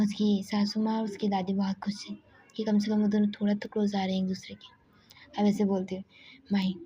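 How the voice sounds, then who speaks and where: A woman casually retelling a romantic story in a soft, half-whispered way, often correcting herself. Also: medium pitch, husky. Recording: dull lo-fi with faint hiss.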